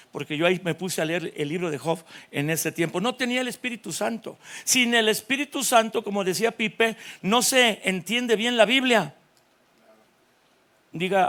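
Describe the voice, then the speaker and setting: Man, 60s, Mexican accent, high-pitched voice, animated storytelling sermon. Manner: animated, storytelling, jokes with the audience. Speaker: pastor. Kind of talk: humorous conference sermon.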